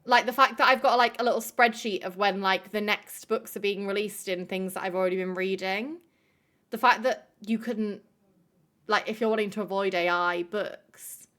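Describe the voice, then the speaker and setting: A woman hosts a live stream, chatting casually with her viewers, sprinkling "like" everywhere and swearing freely. Her voice is medium in pitch and fairly bright, with fairly even intonation and a normal speed.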